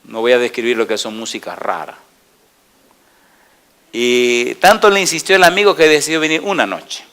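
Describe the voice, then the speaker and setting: A middle-aged man preaching a sermon as a pastor, putting repeated yes-or-no questions to the congregation and telling stories in an animated way, moving between loud and quiet. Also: medium pitch, moderate pace.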